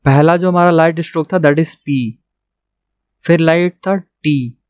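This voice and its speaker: A young man gives a patient, step-by-step lesson, speaking slowly and pausing often to check that his students follow. His voice sits a little high for a man, and the sound is dry and close with almost no room echo. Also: fairly even intonation, a little mellow, clean tone. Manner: patient, repeats "theek hai" after each point. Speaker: shorthand teacher. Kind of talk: classroom lesson.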